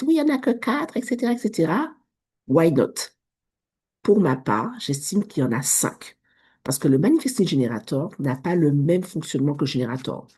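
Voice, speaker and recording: Low, husky woman with an English accent. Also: dark tone. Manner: chatty, addresses viewer as tu, self-correcting restarts. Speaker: vlogger, business coach. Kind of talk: casual direct-to-camera talk.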